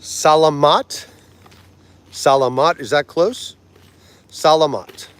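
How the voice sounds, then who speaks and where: A chatty livestream host in his forties, this man talks casually with viewers, laughing often and slowly trying foreign words. His voice is on the high side, fairly bright and clean, captured in a dry recording.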